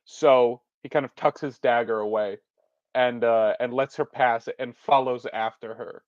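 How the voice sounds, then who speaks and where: A man's voice: mid-range voice, steady tone, a little slow, no echo. A man narrating a solo tabletop game as its game master, thinking aloud and poking fun at himself. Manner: musing aloud, self-deprecating. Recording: dull, dry recording.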